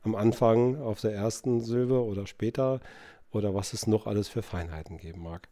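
Musing man with a low, mellow voice. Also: normal speed. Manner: musing, many fillers and hesitations. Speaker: podcast host. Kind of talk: reflective solo podcast talk.

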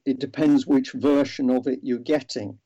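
A man's voice: medium pitch, fairly even intonation, normal speed, mellow, breathy edge. A man, a guest in an interview, explaining earnestly with many ums and restarts. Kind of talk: interview over a remote line. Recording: dull lo-fi audio.

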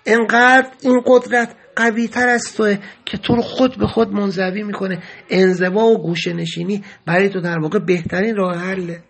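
Male memoir narrator, first person, earnest and grave, husky tone. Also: sits high, steady tone, a bit bright. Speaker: podcast narrator.

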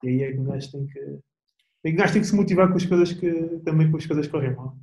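A man's voice: fairly high pitch, racing. Laid-back European Portuguese man, echoey. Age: young adult. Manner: relaxed, slangy, rambling with restarts. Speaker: guest athlete. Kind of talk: casual interview chat.

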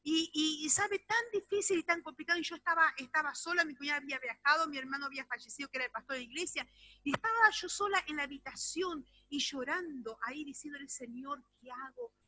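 A woman pastor preaching a sermon, swinging from loud exclamations to hushed, almost whispered passages and speaking straight to her congregation. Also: high-pitched, fast, rough recording. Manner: addresses the congregation directly and often.

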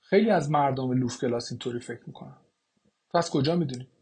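Audiobook role: a reproachful, grieving mother, read by a man, husky and mid-pitched. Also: a little mellow, close to an everyday voice. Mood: upset. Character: grieving middle-aged mother, bitter.

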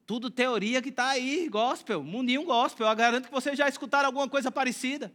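A man with a Brazilian Portuguese accent preaches from the pulpit in a very high, piercingly bright voice. He talks in an animated way, slipping into other voices for the quotes he tells. At the peaks he climbs into full shouts. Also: fast. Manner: rises to shouting at climaxes. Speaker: pastor. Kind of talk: sermon.

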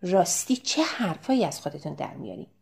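A woman's voice: on the low side, big pitch swings, vocal fry, a little mellow. A woman reading as a wary young barmaid.

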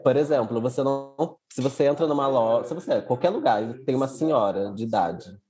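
A man's voice: mid-range voice, a little fast, mellow. A man, a guest telling anecdotes in a casual podcast chat.

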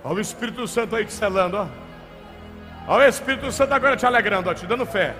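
A male pastor with a Brazilian Portuguese accent, leading a deliverance prayer at a church service, moving between rapid hushed speech, shouted commands and bursts of speaking in tongues. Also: sits high. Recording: reverberant hall with faint background music.

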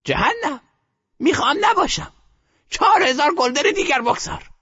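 A man voicing an imperious, frantic old grandmother gambler who shouts commands. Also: very high voice, very animated, dull audio, voice pushed up, exaggerated voice. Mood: bossy.

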